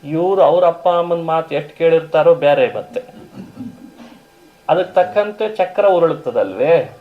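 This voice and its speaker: Narrow, tinny audio carries a slightly high male voice moving at a moderate pace. The religious speaker tells a story through quoted dialogue, unpacks Sanskrit words, and asks his audience rhetorical questions.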